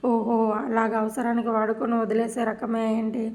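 A stern, hot-tempered middle-aged husband shouts his demands, as a woman narrator puts him on. The voice stays fairly high and level. He sounds like a character from a family serial being retold. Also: flat delivery, moderate pace, close to an everyday voice. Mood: shouting, stern.

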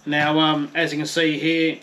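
His fairly high voice is monotone, bright and forceful, at a normal speed, with a bit of hiss or hum in the background. The speaker is an Australian camping vlogger in his thirties who unboxes and reviews gear in a relaxed, chatty, self-mocking way, swearing mildly, first on an outdoor patio and then in a garage.

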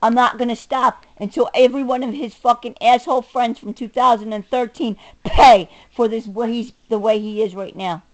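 A middle-aged woman films her own furious, combative rant, swearing, emphasizing words and swinging from muttering to raising her voice. Her voice is on the high side with a steady tone, at normal speed with few pauses, in a low-quality recording.

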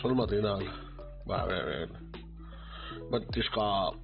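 A man with a Spain Spanish accent giving excitable live commentary on his gameplay, talking to his chat. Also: fairly low pitch, slow pace, creaky, dull audio, over music. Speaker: streamer.

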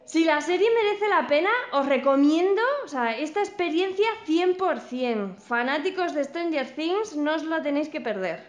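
A woman with a Spain Spanish accent, reacting nervously and excitedly while playing a VR experience, with gasps and shrieks. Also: high-pitched, moderate pace, few pauses, poor audio. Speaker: VR game reviewer.

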